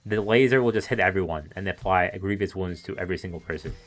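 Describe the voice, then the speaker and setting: Low-voiced man casting esports solo. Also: fast talker. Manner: analytical, musing, chuckling between thoughts. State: voice wearing thin. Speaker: esports caster. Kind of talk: live solo esports commentary.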